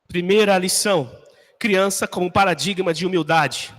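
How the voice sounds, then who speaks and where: A man's voice: sits high, moderate pace, a bit bright, in a large hall. A man in his thirties, a pastor preaching a conversational sermon full of rhetorical questions. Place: church.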